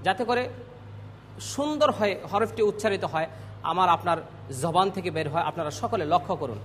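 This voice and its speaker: A man teaching Quran pronunciation, drilling letter sounds slowly and clearly and calling on students to repeat after him. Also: sits high, lively intonation, fairly bright tone, big-room sound, slight background noise. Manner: slow, clear drilling of letter sounds with call-and-response prompts. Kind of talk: classroom pronunciation lesson.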